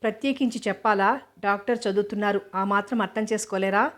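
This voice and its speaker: A woman's voice: medium pitch, little pitch movement, moderate pace, close to an everyday voice. A woman voicing an indignant young lover.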